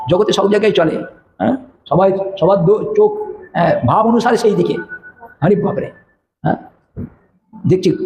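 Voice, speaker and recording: A male preacher telling devotional stories in an animated way, acting out voices with frequent affirming fillers, recorded in an echoey room with faint noise. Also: high-pitched. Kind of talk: devotional storytelling sermon.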